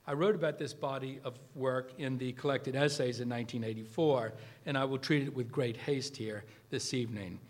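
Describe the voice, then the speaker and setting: Brief: older male lecturer at an evening talk, mid-pitched, halting with uh and restarts, reading quotes between stories. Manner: anecdotal, with frequent uh fillers and restarts. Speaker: lecturer, former student. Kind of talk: academic lecture, part read aloud.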